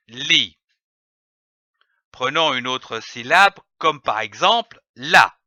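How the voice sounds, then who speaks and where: Man slowly spelling out syllables. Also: fairly high pitch, pushed and bright, no echo, clean studio sound. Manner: slow, carefully spelled-out syllables. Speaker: reading teacher. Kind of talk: slow phonics lesson for children.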